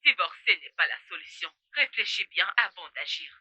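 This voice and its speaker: A woman dubbing a calm mother who counsels her son soothingly, with music behind her. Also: medium pitch, brisk, no echo, exaggerated voice. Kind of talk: French film dub. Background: background music.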